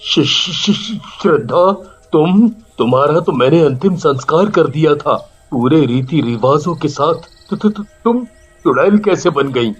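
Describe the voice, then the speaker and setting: A man's voice: a little high, lively intonation, measured pace, husky, faint music behind. A man doing a stammering, scared husband. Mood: frightened. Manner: stammering in fright. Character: shocked young husband, stammering.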